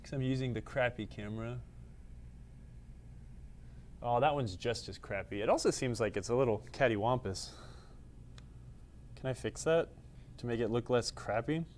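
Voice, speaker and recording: A man's voice: medium pitch, normal speed, long pauses, a little mellow, a little hiss or hum. A man hosting a casual live stream, rambling and joking at his own expense while he fiddles with the camera and lights in a studio space at his workplace. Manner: rambling, self-deprecating, talking to himself while adjusting the camera. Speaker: livestream host.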